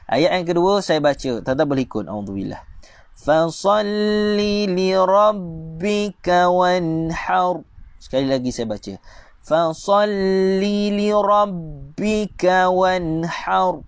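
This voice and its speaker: High-voiced Malaysian Quran teacher. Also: male voice, no echo. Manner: patient, repetitive pronunciation drilling, addresses viewers directly; slow drawn-out chanting for recited verses. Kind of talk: online Quran reading lesson.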